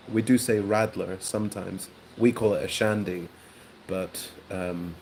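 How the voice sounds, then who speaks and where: A man hosting a live stream, chatting casually with viewers in a relaxed way, with frequent ums and soft laughs. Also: lowish voice, slight background noise. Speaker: host of a live watchalong stream.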